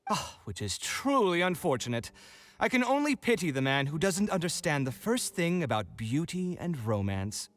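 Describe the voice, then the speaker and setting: A proud, hot-tempered young architect from a fantasy video game, always indignant and ready to argue. His voice sits a little high and leaps around with lively swings. He fires back at every remark. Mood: irritated. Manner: indignant and quick to bicker.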